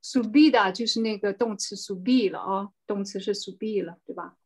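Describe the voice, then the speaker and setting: A woman's voice: mid-range voice, moderate pace, darkish tone. A woman teaching a language class over a video call, patiently correcting pronunciation and explaining words step by step. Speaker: Spanish teacher.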